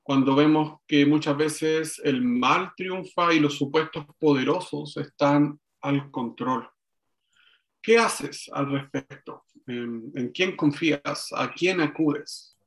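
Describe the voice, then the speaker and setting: A man preaching a sermon, slow and reflective, with frequent pauses and restarts, for an online service. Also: on the high side. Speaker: pastor.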